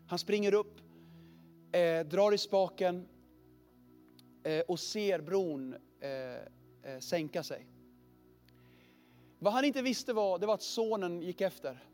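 A man with a notably high voice preaches an earnest storytelling sermon. He often sinks into a hushed, heavy tone as he speaks. Faint music plays softly under his words. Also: lively intonation, long pauses.

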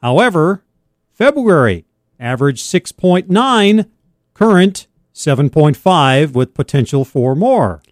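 A man co-hosting casual radio banter in deliberate, clipped phrases. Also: on the high side, sing-song, no room sound, studio quality. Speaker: radio co-host.

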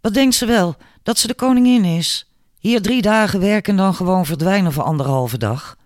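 A man's voice: medium pitch, lively intonation, moderate pace, no room sound, clean studio sound, lightly acted. A man voicing Palmer, a scornful, bossy male laundry foreman who talks in a sneering, curt way. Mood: indignant.

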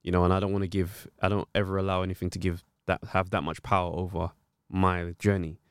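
Smooth, low London roadman-accented man. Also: little pitch movement, fast talker, dry recording. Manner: urban London street slang, roadman style. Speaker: stand-up comedian and podcaster, interview guest. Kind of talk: casual conversational interview answers.

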